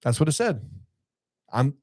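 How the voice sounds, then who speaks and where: A man hosts a small-town podcast, running through community flyers with easy, wry humor. His voice is mid-pitched and recorded dry, close to the mic. He slips into mock-sarcastic asides now and then. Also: sing-song, unhurried, darkish tone, dry recording. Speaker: podcast host. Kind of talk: casual community podcast chat.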